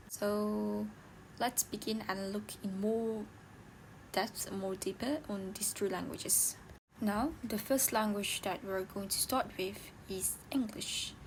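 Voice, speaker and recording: A woman's voice: mid-range voice, a little hiss or hum, poor audio. A young woman student giving a recorded class presentation, explaining in a casual way with many fillers.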